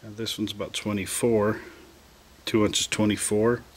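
A man's voice: on the low side, flat delivery, unhurried, slight background noise. A man casually walking through a hands-on how-to at his bench, plainspoken and rambling, with hiccups. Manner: plainspoken, rambling, self-interrupting. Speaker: hobbyist reloader.

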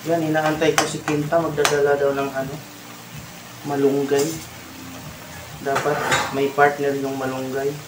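A man with a Filipino accent hosting a casual cooking vlog, chatting and giving shout-outs to viewers while he stirs a pan. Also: medium pitch, completely flat delivery, normal speed, pauses often, very noisy. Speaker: cooking vlogger. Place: home kitchen, indoors, at a stove. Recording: roomy kitchen with loud sizzling and clattering pans.

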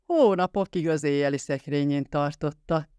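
An audiobook reader voicing a scruffy, eager young man who is quick to take offense. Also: mid-range voice, warm tone, clean tone, dry recording, studio quality, natural voice.

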